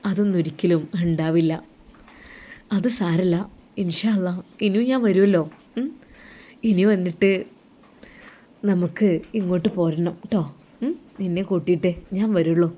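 A woman voicing a tender young husband far from home who gently consoles his crying wife in a told story. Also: lowish voice, moderate pace, long pauses, close to an everyday voice. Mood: soothing. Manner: gentle, coaxing, soothing. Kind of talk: storytelling role-play.

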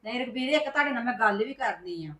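A woman's voice: on the high side, expressive, fast talker, pushed and bright. A woman acting a coaxing older sister in a family drama. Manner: coaxing, persuasive. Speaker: actor in a family skit. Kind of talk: scripted Punjabi family drama.

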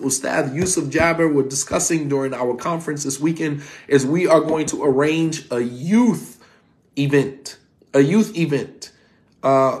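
Seated at his desk at home, a forty-something Islamic teacher talks directly into his phone camera for an online class in an indoor home room. He sounds fairly high-pitched for a man, casual and animated, repeating points to make them stick.

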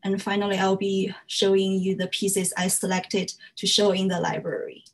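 Speaking English as a second language, a young Chinese woman presents slides on her fiber art at normal speed in a level, mid-range voice. She is earnest, says "uh" often, and her grammar is slightly non-native.

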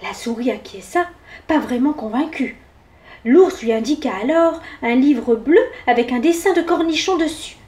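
A woman from France reading a children's picture book aloud for a library, in a clear, expressive, gentle way. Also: high voice, normal speed. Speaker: children's story reader at a library. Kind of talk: storybook read-aloud for children.

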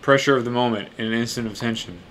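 A man's voice: mid-range voice, fast talker, fairly bright tone, close to an everyday voice. A man reading a brooding young sharpshooter's lines from a video game in his own plain voice.

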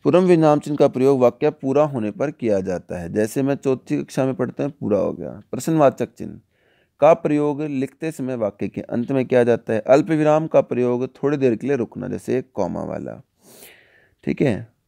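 A male teacher explaining a worksheet to children, often putting questions to the class and slowing down for examples. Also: mid-range voice, expressive, creaky, dark tone. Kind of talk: online worksheet lesson for children.

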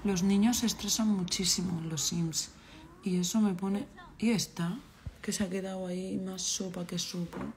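A woman's voice: mid-range voice, fairly even intonation, normal speed, a little mellow, a little hiss or hum. A woman from Valencia with a Valencian accent, chatting casually on a live stream and scolding the characters in her game. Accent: Valencian Spanish. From Valencia, Spain.

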